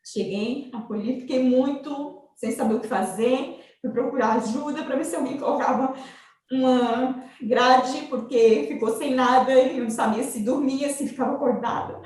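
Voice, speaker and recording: A middle-aged mother giving a halting, emotional personal testimony in a webinar. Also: high voice, a little mellow. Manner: emotional, halting, many fillers. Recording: roomy, distant from the mic.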